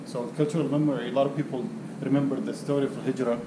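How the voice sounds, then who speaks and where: A man from Saudi Arabia, a curator, explaining an exhibit on a tour in a halting, earnest way with many fillers. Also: mid-range voice, steady tone. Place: museum exhibition hall, indoors. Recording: echoey hall with loud hum.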